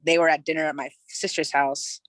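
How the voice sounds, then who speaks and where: A woman's voice: low voice, flat delivery, fairly quick, no room sound. A woman in her thirties from California, a podcast guest telling her own story in a loose, frank way, full of "you know" fillers and casual swearing. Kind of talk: candid personal storytelling in conversation.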